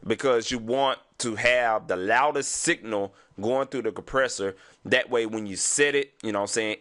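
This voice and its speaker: A man's voice: medium pitch, fairly bright tone. Stuffy Houston man teaching beatmaking. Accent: Southern US, Houston. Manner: loose, repeats "you know what I'm saying". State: stuffy from sinuses. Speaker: music production tutor. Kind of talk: casual screen-recording tutorial.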